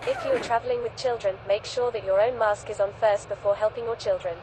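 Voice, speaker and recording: A woman reading scripted cabin announcements as a flight attendant in a calm, formal, measured way. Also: fairly high pitch, slight background noise, poor audio.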